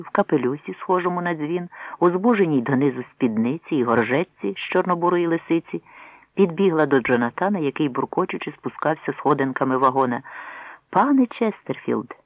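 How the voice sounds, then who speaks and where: A man narrating a novel aloud, changing his voice for the characters' lines. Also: no echo. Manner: voices characters by shifting pitch. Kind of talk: audiobook reading with acted dialogue. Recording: tinny phone-like sound.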